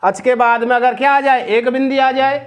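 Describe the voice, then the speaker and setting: A man with a North Indian accent teaching Sanskrit grammar, drilling his student with repeated questions and slowing down to recite the rules. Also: very high voice, steady tone. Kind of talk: question-and-answer grammar lesson.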